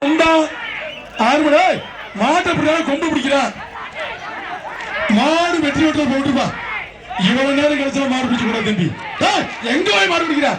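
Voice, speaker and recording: A man announcing a live bull-taming event through a megaphone or loudspeaker, with loud, rapid calls and repeated phrases. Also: extremely high pitch. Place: outdoor bull-taming arena with crowd. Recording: echoing loudspeaker outdoors, crowd noise.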